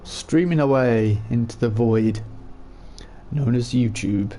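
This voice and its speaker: A man with a croaky voice hosts a gaming livestream in a chatty, rambling, self-deprecating way. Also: mid-range voice, takes it slowly, mellow, slight background noise. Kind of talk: casual livestream game commentary.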